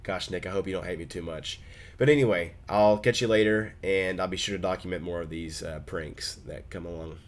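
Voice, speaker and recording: A young man from Oklahoma telling a funny story to his vlog camera in a casual, animated way, with quick asides. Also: deep voice. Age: young adult. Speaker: vlogger.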